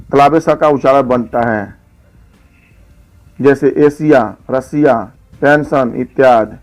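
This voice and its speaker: Guy teaching pronunciation really slow, lists words one by one, soft music under it. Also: a little high, low-quality recording. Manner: slow, deliberate, listing example words one by one. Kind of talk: slow explanatory lesson.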